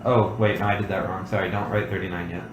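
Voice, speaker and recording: A man's voice: low-pitched, level tone, fast talker, echoey room, noisy background. A man running a tabletop game as game master, casual and joking, with an occasional swear.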